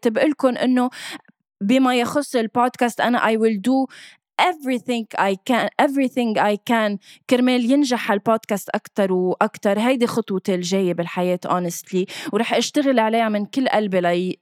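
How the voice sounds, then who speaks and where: A woman's voice: on the high side, no room sound, clean studio sound. A woman with a Lebanese Arabic Levantine accent hosting a casual podcast chat, speaking hesitantly and mixing in English words. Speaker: podcast host.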